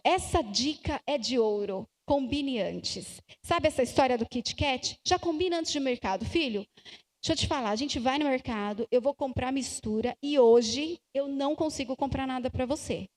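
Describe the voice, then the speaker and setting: A Brazilian woman giving slow, emphatic advice to parents at a church family conference, acting out little dialogues. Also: sits high, darkish tone. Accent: Brazilian Portuguese. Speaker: conference speaker. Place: church hall. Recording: church hall with long reverb.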